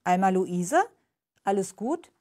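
A woman's voice: mid-range voice, very animated, slow pace, darkish tone. A woman voicing a polite, concerned male care worker in a storybook reading. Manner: polite, worried.

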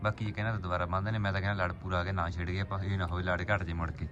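Rapid-fire and level in tone, a low-pitched man runs a rustic, casual pigeon vlog from a rooftop at his home, chatting to viewers like mates. The audio is dull, with birds and noisy outdoor ambience behind him.

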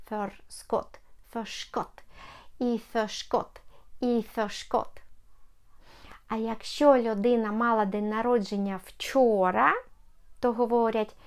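Slow, careful woman teaching phrases. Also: on the high side, smooth. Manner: slow, repeats each Swedish phrase twice, careful model pronunciation. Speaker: Swedish language teacher. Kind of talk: language lesson for beginners.

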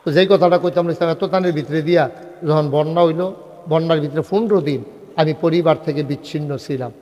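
A preacher with a slightly high, somewhat mellow voice speaks briskly in a large hall, with slight background noise. At a religious gathering, he gives a humorous Islamic sermon, telling stories with dialogue in a conversational way and getting the audience to answer back.

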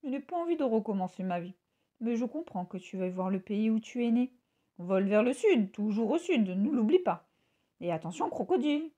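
Casting note: worried old papa bird, gentle, lively pitch, put on by a woman. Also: fairly quick, muffled recording. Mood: cautioning. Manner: gentle, warning. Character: caring father bird, cautious and settled.

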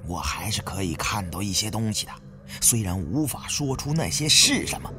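A man with a fairly low voice narrates a first-person adventure audiobook at a moderate pace, his pitch swinging widely in a dramatic, suspenseful, theatrical delivery. Faint music plays in the background.

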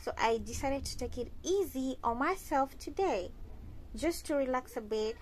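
A young Kenyan lifestyle vlogger lies in bed chatting casually to her viewers, calling them "guys" and holding her phone close. Her high voice is expressive with a darkish tone at a moderate pace. The recording is rough, with slight background noise.

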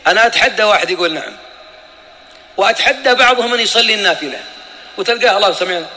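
A man's voice: very high-pitched, pushed and bright. A male preacher gives an emphatic sermon, asking his listeners pointed questions and acting out short bits of dialogue. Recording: long hall reverb.

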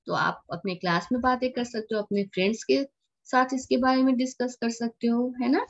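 A woman's voice: a little high, fairly even intonation, brisk. A woman teaching a lesson to young children, patiently repeating words and explaining each one in English. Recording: dull lo-fi recording.

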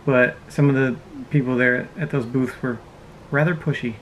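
A man in his thirties talks in a relaxed, rambling way, with plenty of fillers, at an everyday middle pitch. He is sitting inside a parked RV, speaking to a camera close in front, with a faint hum of noise behind him. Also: moderate pace, low-quality recording. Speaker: vlogger. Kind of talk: casual chat.

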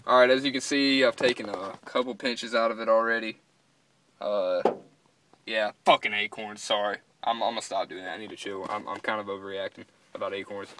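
A man's voice: fairly low pitch, steady tone, a little fast, fairly bright tone, a little hiss or hum. A young man chatting casually to camera as a vlogger. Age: young adult. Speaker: vlogger and dip reviewer. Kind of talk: casual chat. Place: inside a parked pickup truck cab.

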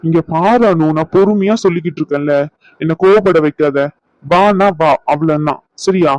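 A man's voice: fairly high pitch, normal speed, darkish tone, dry recording, muffled recording, lightly acted. A man voicing a young husband in a cartoon who insists firmly but coaxes affectionately. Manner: firm, coaxing, insistent.

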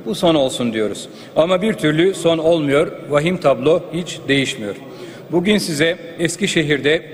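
A man, a member of parliament, giving a formal and earnest speech at a rostrum microphone in a large chamber. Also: fairly high pitch. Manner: earnest, grave, listing figures and names. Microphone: speaking at a rostrum microphone. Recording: long reverb of a large hall.

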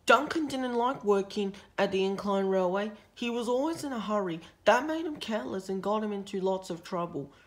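A woman reading a children's storybook aloud in a steady, expressive way. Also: medium pitch, moderate pace, hardly any pauses.

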